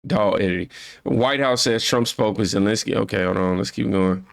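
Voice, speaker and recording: A man's voice: lowish voice, normal speed, creaky. A man hosting a reaction video who talks loosely and rambles, speaking straight to his viewers. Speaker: YouTube reaction host. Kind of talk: casual reaction commentary.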